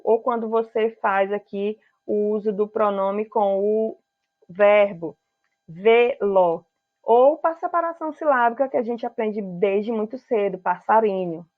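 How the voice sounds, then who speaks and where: A Brazilian woman teaches a video grammar lesson at a middle pitch, walking through each rule patiently and pausing to ask whether her viewers follow. Her voice comes through thin and narrow, like a phone line. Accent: Brazilian Portuguese. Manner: didactic, keeps checking in with "certo?". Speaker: writing teacher. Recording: tinny phone-like sound.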